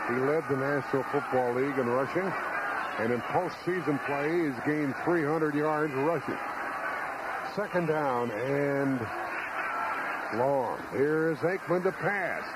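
An American man doing live football play-by-play in a classic radio announcer manner, in terse descriptive phrases. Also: fairly high pitch. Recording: noisy stadium radio broadcast. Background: loud stadium ambience and noise.

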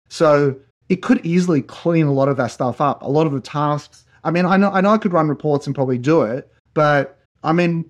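Mid-pitched man explaining haltingly. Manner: halting, repeats and restarts phrases often. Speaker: interview guest. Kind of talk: casual, explanatory conversation.

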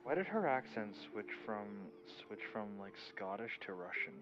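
A man playing a tabletop game, making quiet, muttered asides. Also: lowish voice, sing-song, moderate pace, noisy background. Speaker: player. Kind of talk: casual tabletop play. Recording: muffled, lo-fi, distant mic.

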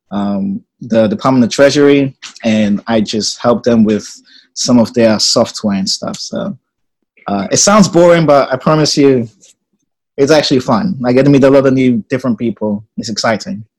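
A man's voice: mid-range voice, moderate pace, low-quality recording. A young man from Ghana who grew up in England, chatting casually as a podcast guest with plenty of ums. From Ghana, raised in England. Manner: relaxed, chatty, laughs easily, many ums. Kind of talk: casual chat.

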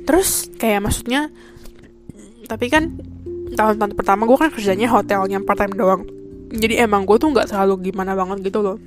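A young woman from Indonesia hosting a podcast, telling a story in a casual, chatty way full of fillers. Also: medium pitch. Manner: chatty, full of fillers like "kayak" and "gitu kan". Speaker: podcast host. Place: a room in Taiwan.

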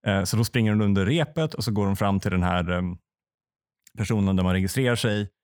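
A man telling a comic story in a deadpan way, acting out other people in quick quotes. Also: lowish voice, smooth. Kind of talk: comedic storytelling chat.

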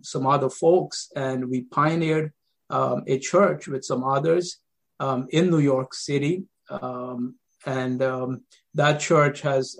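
A middle-aged man from Guyana, a pastor, telling his life story as a podcast guest, with many pauses and ums. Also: medium pitch, gravelly. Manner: hesitant, many ums, repeats words.

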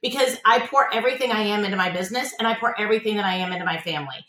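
In a very fast, mid-range voice with a bit of brightness, an insurance agency owner talks about her job on a podcast in a relaxed interview. Her tone is earnest and motivational, and she tends to repeat words when starting a point. The recording is roomy and low in quality.

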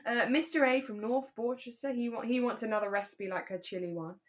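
A British woman co-hosting a podcast chats casually and gigglingly about a radio drama. Her voice is a little high and a little fast.

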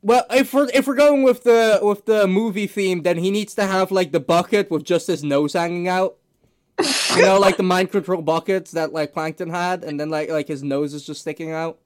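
A young man hosting a casual podcast with friends, talking in a halting, rambling way full of restarts and fillers. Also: sits high. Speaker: podcast host. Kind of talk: casual chat among friends.

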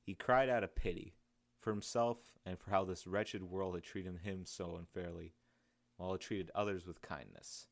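A man reading his own audiobook aloud in a steady, measured way. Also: low-pitched, gravelly. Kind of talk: audiobook narration.

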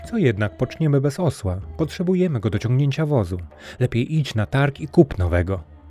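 A man's voice: medium pitch, big pitch swings, normal speed, dark tone, faint music behind, voice pushed up. A man voicing a practical, worried peasant wife in a storybook reading. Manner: matter-of-fact, practical.

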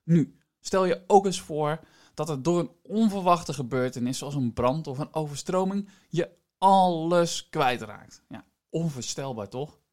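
A man's voice: a little high, moderate pace, a little mellow. A man hosts a podcast, explaining things in a semi-scripted way and addressing the listener directly. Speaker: podcast host.

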